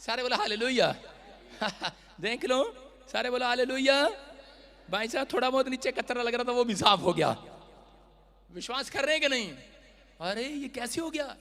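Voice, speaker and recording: A man preaching a fervent sermon, moving between quiet storytelling and loud shouting, calling on the audience to respond. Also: very high voice, animated, normal speed, long pauses.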